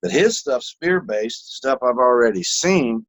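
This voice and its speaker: A man's voice: medium pitch, animated, measured pace, no echo, poor audio. A man co-hosting a casual podcast, telling stories animatedly, acting out voices and swearing freely. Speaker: podcast co-host.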